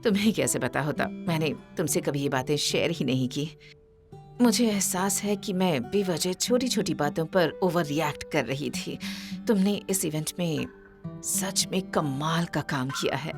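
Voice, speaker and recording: An actress dubbing an older widowed mother who speaks slowly and haltingly, with heartfelt pauses. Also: sits low. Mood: tender. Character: widowed mother and magazine head, proud but remorseful. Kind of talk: Hindi movie dub. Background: background music.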